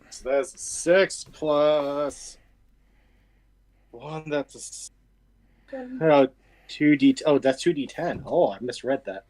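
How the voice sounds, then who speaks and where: A man with a medium-pitched voice plays a tabletop game. He talks through rolls and moves in casual chat. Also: a little mellow.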